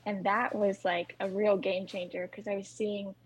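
A woman's voice: medium pitch, little pitch movement, moderate pace, slightly rough, rough recording. A woman answering as a podcast guest in a casual way, often using "like". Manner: casual, uses "like" and restarts. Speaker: guest, environmental activist.

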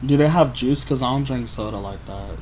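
A man's voice: mid-range voice, a little fast, a little mellow, a little hiss or hum. A young man in casual, slangy podcast chat, blunt and teasing, with plenty of swearing. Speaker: podcast host.

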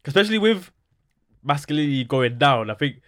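A man's voice: fairly high pitch, lively intonation, brisk, fairly bright tone. A man with a London roadman accent bantering casually on a podcast in joking street slang. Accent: London, urban slang.

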